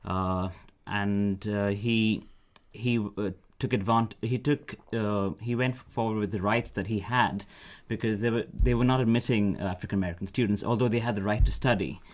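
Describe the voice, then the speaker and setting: A man, an opera singer, explaining things in a measured, halting way on a radio interview. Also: lowish voice, fairly even intonation. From India.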